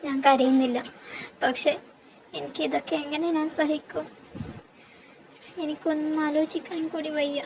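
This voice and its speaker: A woman voicing a tearful young wife who pleads in a soft, grief-stricken way. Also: sits high, background noise, lightly acted.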